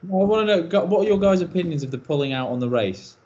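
A man's voice: fairly high pitch, expressive, quick pace. A man co-hosting a casual podcast, hesitant and unsure, then teasing the others. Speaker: podcast co-host. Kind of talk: casual chat. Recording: dull lo-fi audio with faint noise.

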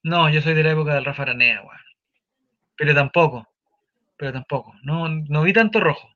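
Chilean male host, high bright voice, slang-heavy storytelling, dry dull studio sound. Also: a little fast, dry recording. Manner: animated, swears casually, restarts a lot. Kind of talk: casual chat, storytelling.

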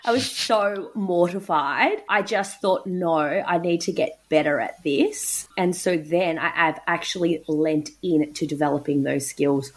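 Low-voiced, enthusiastic woman podcast host. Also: a little slow, few pauses. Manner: enthusiastic, chatty, laughs often. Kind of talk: podcast interview.

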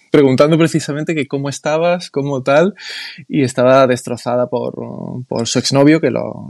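Castilian-man, podcast guest, gravelly, meandering and halting, dry close sound. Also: mid-range voice, a little mellow, dry recording. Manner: rambling, halting with many restarts and fillers. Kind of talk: casual conversation.

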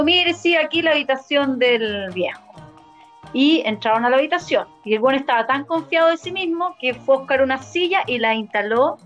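A young woman with a Chilean accent casually retelling a story to a friend, animated and full of slang, laughing often. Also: high-pitched. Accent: Chilean Spanish. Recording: muffled lo-fi with faint music.

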